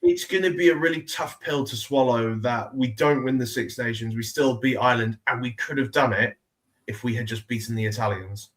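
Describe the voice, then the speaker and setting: A man in his twenties co-hosting a casual sports podcast, chatty with quick asides. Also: mid-range voice, a bit bright. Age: 20s. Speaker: podcast co-host.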